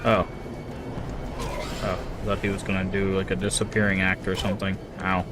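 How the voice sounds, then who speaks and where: A man's voice: low voice, completely flat delivery, moderate pace, music in the background. A man commentating casually as he plays a video game.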